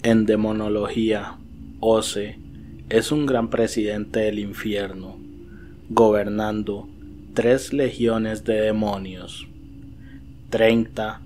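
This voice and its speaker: A man's voice: lowish voice, a little mellow, slight background noise. A man hosting a horror story channel, giving a scripted narration. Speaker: channel host. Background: faint music.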